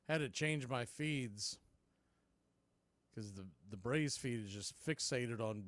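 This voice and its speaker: Calling a baseball game from a video feed indoors, this announcer delivers play-by-play in short, punchy phrases that surge when the action heats up. He has a mid-range voice and the audio has no echo.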